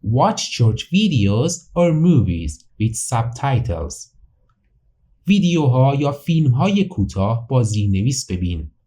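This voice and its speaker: Man teaching English slowly, lively pitch. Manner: reads English slowly and clearly, then translates quickly into Persian. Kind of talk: bilingual language lesson, slow English then Persian translation.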